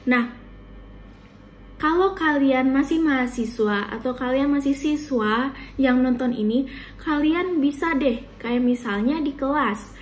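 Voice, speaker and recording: A woman's voice: sits high, measured pace, a little hiss or hum. A young woman, a university student from Indonesia, giving casual spoken tips to viewers in an informal, chatty way with many fillers. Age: young adult.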